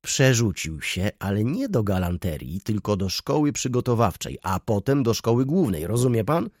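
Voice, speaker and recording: A man voicing a gray-haired elderly councillor who mutters slowly and dismissively, with a husky voice. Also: on the low side, big pitch swings, darkish tone, dry recording, studio quality. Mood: reminiscing. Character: gray-haired elderly male councillor, grumbling beer drinker.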